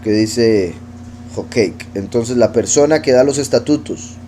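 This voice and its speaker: Man as a Bible study teacher, mellow tone, faint noise behind him. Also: mid-range voice. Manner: explanatory, reads verses aloud and pronounces Hebrew words slowly. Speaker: teacher of scripture.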